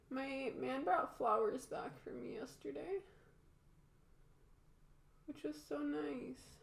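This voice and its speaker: A woman's voice: a little high, vocal fry. A woman with a blocked-nose sound talking in an informal, rambling, candid way, as in a casual makeup tutorial. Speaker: makeup vlogger. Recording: roomy echo.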